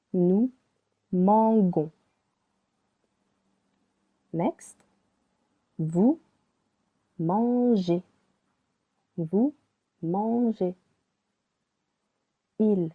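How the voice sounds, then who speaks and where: A woman teaching a slow pronunciation lesson, spelling out letters and repeating each word. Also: on the low side, slightly rough. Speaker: French teacher. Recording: tinny phone-like sound.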